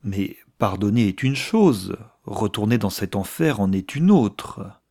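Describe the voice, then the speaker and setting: Man voicing an older aristocratic aunt, gossipy, theatrical, hushed asides, gravelly, slow. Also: fairly low pitch, expressive, full character voice. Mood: effusive.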